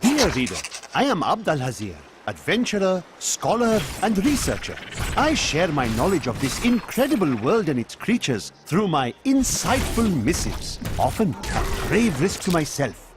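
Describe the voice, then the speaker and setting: Pompous adventurer-scholar, video game, high lively voice, grand theatrical delivery. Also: male voice, moderate pace, noisy background. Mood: boastful. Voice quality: theatrical, self-important. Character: pompous boastful male adventurer-scholar narrating journals.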